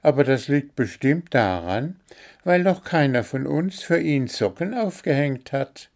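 A man voicing a small, stubborn blue bird in a children's story, talking high and insistent. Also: lively intonation, measured pace, a little mellow.

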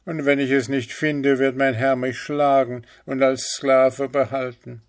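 A man's voice: medium pitch, level tone, unhurried, voice pushed up, natural voice. A man voicing a meek, anxious enslaved boy in a fairy tale, in an earnest raised voice.

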